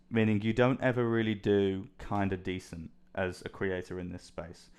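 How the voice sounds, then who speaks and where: A man giving a persuasive, business-like sales pitch over the phone, often checking that the listener agrees. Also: clear, resonant tone. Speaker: agency sales caller.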